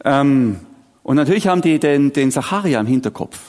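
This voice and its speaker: A man, preaching a sermon with animated, dramatic storytelling and sudden drops to a quiet voice. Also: fairly high pitch, fast. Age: 40s. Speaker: pastor.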